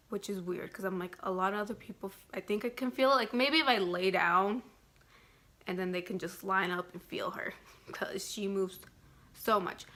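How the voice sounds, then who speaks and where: A woman's voice: mid-range voice, bright, forceful tone. A woman giving a casual vlog update, rambling and filling her talk with "like" constantly. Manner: rambling, fills speech with "like". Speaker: vlogger.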